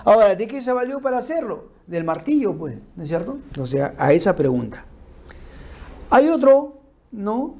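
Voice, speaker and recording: A man giving an informal law lecture, explaining through lists and examples and checking in with his listeners with quick tag questions. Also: high voice, big pitch swings, mellow. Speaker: criminal law instructor. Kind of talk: informal lecture on forensic principles.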